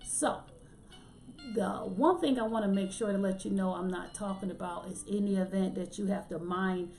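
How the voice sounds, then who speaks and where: A woman hosting a solo podcast who talks in a chatty, joking way. Her voice sits in a middle range, and she is recorded in a noticeably echoey room. She drifts into bigger, louder voices whenever she acts out what someone said. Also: mid-range voice, moderate pace, faint music behind. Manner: chatty and humorous, acts out quotes with a raised voice. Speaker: podcast host. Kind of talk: casual solo podcast talk.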